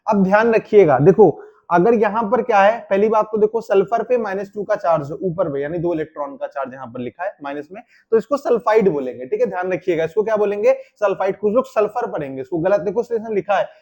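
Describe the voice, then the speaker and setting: A man with a high voice teaches a chemistry lesson, working through it step by step and answering the questions he poses himself. The recording sounds dull and lo-fi. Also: fast, a little mellow. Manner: explains step by step, asks and answers his own questions. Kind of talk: classroom lecture.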